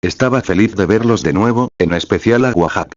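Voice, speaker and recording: A man narrating a story aloud at a slow, even pace. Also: on the low side, no room sound, lo-fi sound.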